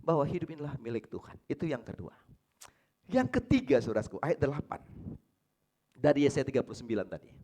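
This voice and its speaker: A man with an Indonesian accent delivers a sermon as a pastor at a church service. His pitch rises and falls in a lively, animated way. He keeps asking rhetorical questions, answers them himself, and swings from loud emphasis to near whispers. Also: fairly quick, pauses often, a little hiss or hum.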